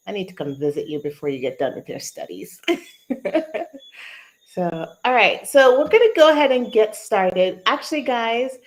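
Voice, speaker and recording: A woman's voice: medium pitch, low-quality recording. A woman hosting a casual live online session like a conference call host, chatting informally with the group. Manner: chatty, informal, addresses listeners as "you guys".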